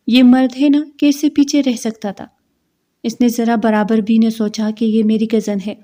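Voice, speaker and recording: A woman reading a story aloud, voicing a melodramatic middle-aged aunt who laments loudly. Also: a little high, natural voice.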